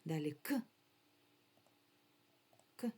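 A woman's voice: extremely slow, warm tone. A woman primary school teacher giving a remote lesson to young children. She speaks patiently and carefully, and stretches words out syllable by syllable. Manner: patient, encouraging instruction.

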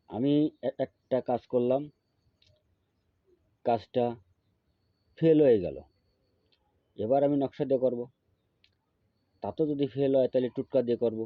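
A man, a folk healer who explains his methods and then slowly chants a mantra for listeners to memorize. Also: no room sound. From Bangladesh. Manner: slow, drawn-out chanting, louder and higher on the mantra. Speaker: folk healer teaching spells. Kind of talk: instructional talk with chanted mantra. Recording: tinny phone-like audio.

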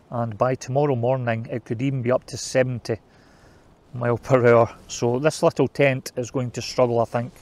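A man in his forties talks to his camera from beside a small tent and from inside it. His manner is relaxed and matter-of-fact, an easygoing chat from someone used to camping out. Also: medium pitch. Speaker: outdoor vlogger. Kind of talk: casual camping vlog. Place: outdoors by a tent on moorland and inside a tent at night.

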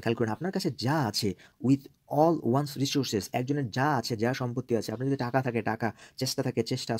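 A man teaching English by reading newspaper phrases aloud, explaining them slowly and repeating key words. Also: medium pitch, darkish tone, no room sound.

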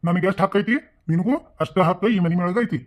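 A man's voice: sits high, fast talker, lightly acted. A man voicing a kind, protective widowed village landlord in a cartoon, speaking in an earnest, reassuring way with a North Karnataka Kannada accent.

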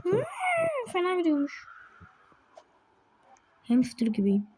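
A woman hosting a gaming channel gives chatty gameplay commentary, talking to herself and other players and getting frustrated quickly. Her voice is high and dark in tone, with lively intonation.

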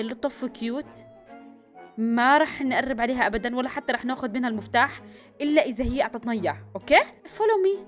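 A young woman giving excitable let's-play commentary, with bursts of screaming and quick whispers. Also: high-pitched. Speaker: gaming YouTuber.

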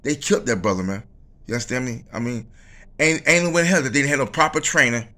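A man's voice: mid-range voice, fast talker, pushed and bright. A man co-hosting a casual talk show, talking earnestly and repeating himself, tagging his sentences with "man" and "you understand me". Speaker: co-host. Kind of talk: casual chat.

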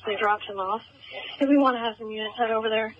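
A woman's voice: on the high side, fairly even intonation, fast, a little hiss or hum. A woman officer giving a terse update over a police two-way radio. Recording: muffled police radio transmission.

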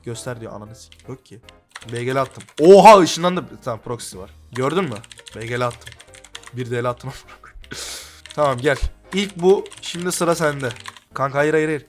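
A young man giving live commentary on his gameplay, excitable and swearing constantly, with sudden loud outcries. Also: medium pitch, normal speed, faint music behind. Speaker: gaming YouTuber.

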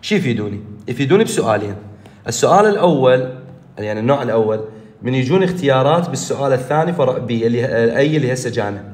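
A man's voice: medium pitch, lively intonation, rapid-fire, a little mellow. Iraqi man teaching grammar, echoey room. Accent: Iraqi Arabic. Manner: explains step by step, asks and answers his own questions. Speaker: English teacher. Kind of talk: online grammar lesson.

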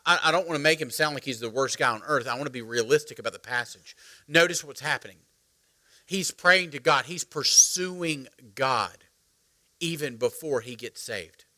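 A middle-aged man, preaching a sermon as pastor, animated and joking as he calls on the congregation. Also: mid-range voice, moderate pace. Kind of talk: sermon with storytelling. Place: church sanctuary.

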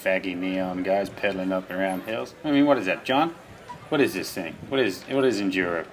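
A man's voice: sits low, fairly quick, a little hiss or hum. A man improvising a comic voice-over as commentator, with an offhand, sarcastic, muttering delivery.

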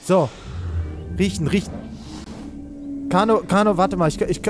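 Ein Mann, der aufgeregt ein Spiel kommentiert, in Panik ruft und fleht und viel Jugendslang benutzt. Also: male voice, high-pitched, measured pace, over music. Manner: excitable, shouts and pleads in panic, youth slang. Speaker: let's play host. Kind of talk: excited gaming commentary.

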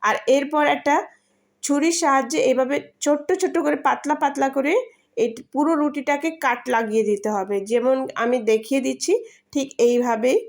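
A woman with a hoarse voice from a cold, patiently explaining a home recipe step by step in a voice-over, with frequent fillers. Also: high voice, normal speed. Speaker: home cooking channel host. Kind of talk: cooking tutorial voice-over.

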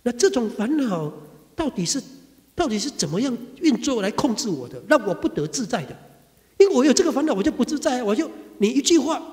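A man with a Taiwanese Mandarin accent giving a Buddhist sutra lecture, talking conversationally and acting out everyday quarrels. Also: a little fast. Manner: animated, acts out quarrels with sudden high bursts. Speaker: Buddhist dharma teacher. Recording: reverberant hall.

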